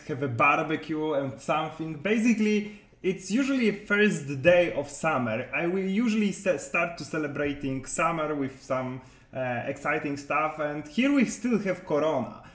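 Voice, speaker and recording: A man's voice: on the high side, lively intonation, moderate pace, reverberant. A man talking casually to his viewers as a game content creator, rambling with many hesitations and restarts, in non-native English.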